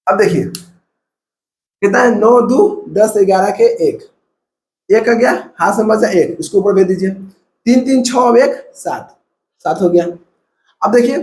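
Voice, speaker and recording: A man from India with a Bihari Hindi accent, teaching a math lesson step by step and counting numbers aloud. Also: sits high. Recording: echoey room.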